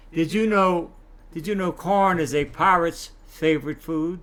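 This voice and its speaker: A man's voice: a little high, unhurried, fairly bright tone. An older man, a clown entertainer, chatting casually in an interview, folksy and full of corny puns.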